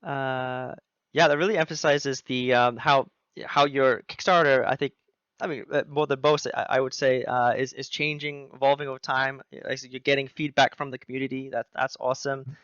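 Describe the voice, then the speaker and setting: A man's voice: mid-range voice, flat delivery, normal speed, fairly bright tone, smooth, dry recording. A man from Wales hosting a casual video interview, talking hesitantly with lots of fillers and restarts. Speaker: host. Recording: dull lo-fi sound.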